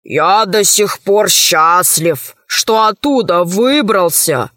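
A fat, lazy fairy-tale king who drawls and grumbles, as a woman reads him aloud. His slow voice is pitched lower than the narration, close and dry. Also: animated, fairly bright tone, no room sound. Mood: grumbling.

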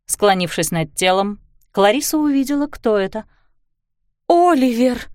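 Woman narrator, expressive audiobook reading, lively intonation, dry close mic. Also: medium pitch, normal speed, dry recording. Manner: expressive storytelling. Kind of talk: scripted narration.

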